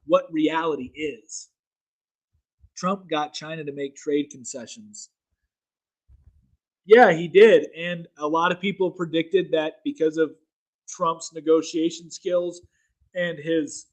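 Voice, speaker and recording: A man's voice: a little high, low-quality recording. A young man hosting a casual solo political talk show, rambling, repeating himself and using many fillers. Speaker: show host.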